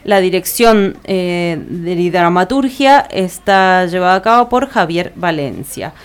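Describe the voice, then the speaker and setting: Smooth-voiced Argentine woman reading radio listings. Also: on the low side, expressive, measured pace. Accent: Argentine Spanish. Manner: reads listings with frequent "eh" fillers and self-corrections. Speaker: radio co-host reading the events agenda. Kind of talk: community radio event listings. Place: radio studio.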